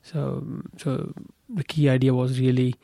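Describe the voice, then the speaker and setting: Gravelly young man from Pakistan. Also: medium pitch, steady tone, measured pace, mellow, no room sound, clean studio sound. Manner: hesitant, many fillers. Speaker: guest. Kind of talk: radio interview. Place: radio studio.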